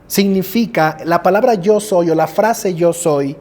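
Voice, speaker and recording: A male pastor preaching a sermon to his congregation, speeding up and then slowing to soft, drawn-out phrases. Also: high-pitched. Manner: expressive preaching, swings from quick to slow and soft, addresses congregation.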